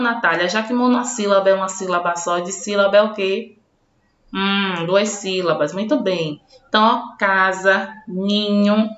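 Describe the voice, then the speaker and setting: A woman's voice: mid-range voice, fairly bright tone. A woman teaching a recorded grammar lesson, talking to imagined pupils by name and answering for them in a patient classroom manner. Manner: slow, spelled-out classroom explanation. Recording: roomy, dull lo-fi home recording.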